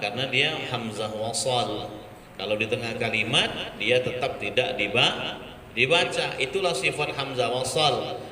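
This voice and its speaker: A man teaching Quran reading, patiently repeating Arabic words and chanting them slowly. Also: medium pitch, sharp tone, a little hiss or hum. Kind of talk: slow Quran recitation lesson. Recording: echoey hall with faint ambience.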